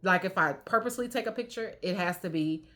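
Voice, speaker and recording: A woman's voice: fairly low pitch, fast. An older woman, a grandmother, talking to her viewers in a chatty, rambling vlog. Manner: chatty, rambling, animated when quoting others. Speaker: vlogger. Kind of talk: casual chat.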